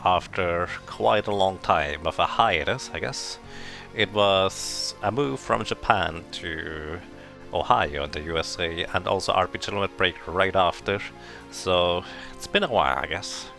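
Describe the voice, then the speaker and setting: This man's low, gravelly voice comes through a makeshift microphone with a sharp, tinny tin-can quality as he offers casual, unhurried commentary on his live game stream, chatting and thinking aloud. Game music plays faintly underneath.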